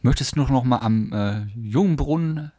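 A man's voice: medium pitch, unhurried, dark tone, dry recording, studio quality. A man co-hosting a podcast, chatting casually and teasing his partner with playful questions. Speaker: podcast co-host. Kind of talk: casual chat.

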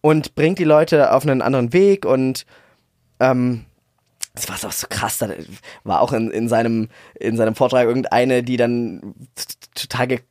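A man's voice: mid-range voice, moderate pace, a little mellow, no room sound, studio quality. A man co-hosting a casual talk podcast, thinking aloud reflectively and searching for words as he goes. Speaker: podcast co-host. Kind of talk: casual chat. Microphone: podcast microphone.

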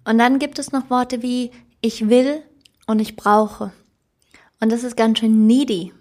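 A woman's voice: on the high side, fairly even intonation, measured pace, a little mellow. A woman coach giving an earnest, emphatic self-help talk, who laughs at her own slips. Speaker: life coach. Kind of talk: motivational self-help monologue.

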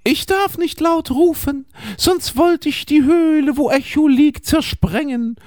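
A woman reading the part of a young lovestruck girl, in a slow, earnest, dramatic way. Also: sits high, darkish tone, no room sound, studio quality, pitched above the performer's own voice. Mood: earnest, yearning.

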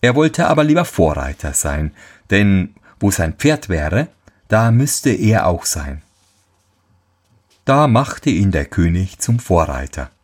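A man reading a fairy tale aloud with expressive, lively storytelling intonation. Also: low voice, slow.

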